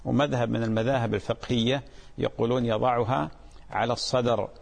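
A man as a sheikh on a call-in program, calmly explaining answers to callers' questions and checking that they are clear. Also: mid-range voice, brisk, long reverb tail. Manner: calm, explanatory, repeats points and asks "clear?".

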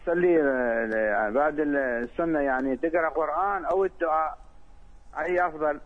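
A man calling in over a thin, phone-like line. He asks his question in a hesitant, halting way. His pitch sits somewhat high. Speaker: caller.

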